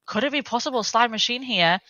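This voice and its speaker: Bright-voiced woman casting esports, lo-fi. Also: a little high, a little fast, no echo. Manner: excitable play-by-play, filler-heavy analysis. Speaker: esports caster. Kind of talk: live esports commentary. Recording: dry, dull lo-fi mic.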